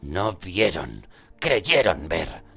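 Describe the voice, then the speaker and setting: A man voicing a gaunt, vengeful escaped prisoner who speaks in slow, heavy growls. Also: low voice, expressive, sharp tone, breathy edge, soft background music, heavily acted.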